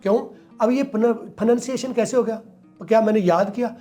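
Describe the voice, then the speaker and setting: A man's voice: very high-pitched, dark tone, faint music behind. A man explaining English pronunciation as a teacher, emphatic, repeating words to demonstrate them. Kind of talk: explaining in a studio interview.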